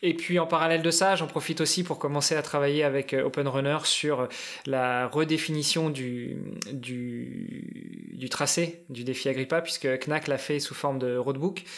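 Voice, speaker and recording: Higher-pitched man explaining casually. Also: steady tone, normal speed, a bit bright. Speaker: guest, endurance athlete preparing a challenge. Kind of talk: casual podcast interview talk.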